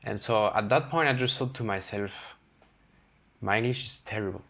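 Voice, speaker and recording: A man's voice: on the low side, normal speed, gravelly. A man with a French accent, a chef guest on an interview podcast, talking candidly and acting out the voices in his stories. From France. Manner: candid, animated, acts out quoted lines. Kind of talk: casual storytelling interview.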